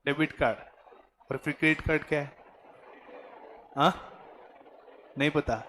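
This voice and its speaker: A man teaching a commerce class, questioning students and explaining slowly in a classroom. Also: a little high, fairly even intonation, a bit bright, slight background noise. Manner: mixes Hindi, Marathi and English, quizzes students; slow, deliberate explaining. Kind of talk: classroom lecture.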